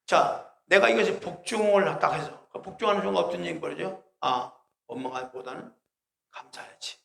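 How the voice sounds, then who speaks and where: A man's voice: sits high, animated, a little fast, gravelly, fairly bright tone. A male pastor preaching a sermon, emphatic and full of rhetorical questions to the congregation. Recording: roomy echo.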